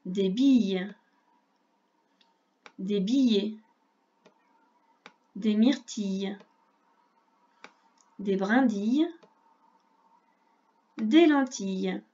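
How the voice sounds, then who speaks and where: A woman teaching a reading lesson to young children, speaking slowly and clearly and spelling out sounds patiently. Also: on the high side, warm tone, highs cut off. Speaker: primary school teacher.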